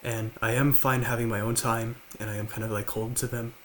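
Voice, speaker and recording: A young man in his late teens with a slight lisp, talking quietly and haltingly to the camera at home. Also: mid-range voice, little pitch movement, slight background noise. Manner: halting, with many fillers and restarts. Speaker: vlogger. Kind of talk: confessional talk to camera. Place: large house, indoors.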